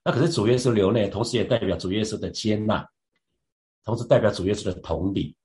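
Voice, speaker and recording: A man with a somewhat low voice leads a devotional Bible teaching. He talks in a reflective, musing way, often turning to his listeners with questions and soft verbal fillers. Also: fast. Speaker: church leader sharing a devotional.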